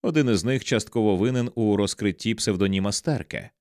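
A man's voice: on the low side, a little fast, dry recording, natural voice. A man voicing an anxious, angry wife who speaks sharply and close to tears. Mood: pleading. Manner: sharp, tearful, pleading. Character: anxious, angry wife confronting her husband.

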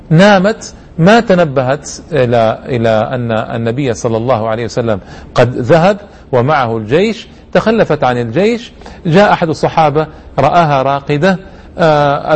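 A man's voice: on the high side, darkish tone. A man hosting a religious programme, lecturing listeners in formal Standard Arabic with an earnest, reverent manner. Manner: earnest, reverent, rhetorical questions.

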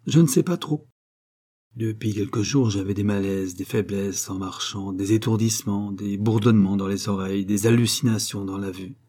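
A man's voice: fairly low pitch, fairly even intonation, moderate pace, mellow, lightly acted. Man reading a weary proud old count.

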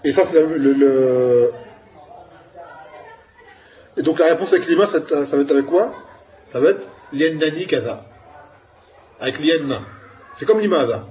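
A man's voice: on the high side, animated, unhurried, long pauses, dark tone, dull audio, a little hiss or hum. A man giving an Arabic grammar lesson, explaining patiently and asking his students questions. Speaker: Arabic teacher.

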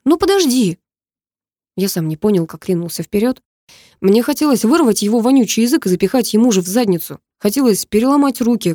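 A woman narrating a story in the first person, in a measured and intimate way. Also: mid-range voice, warm tone, no echo, studio quality. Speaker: audiobook narrator.

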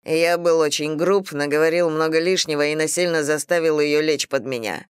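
Brief: guilty young husband, low and shaky, read by a woman, dry close sound. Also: normal speed, clean tone, dry recording, close to an everyday voice. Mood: remorseful. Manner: shaky, apologetic. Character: remorseful young husband and king's son.

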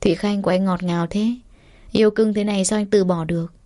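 A woman's voice: mid-range voice, fairly even intonation, quick pace, mellow, lightly acted. A woman reader voicing a doting young man who coaxes and soothes his girlfriend as if comforting a child. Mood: soothing. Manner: coaxing, soothing like talking to a child.

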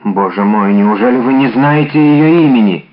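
A frail, devoted young woman, read by a man in an audiobook. Her lines are soft and pleading, in a voice close to the reader's own. The recording is dull and muffled. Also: medium pitch, normal speed, close to an everyday voice. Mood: anxious. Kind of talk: audiobook character reading.

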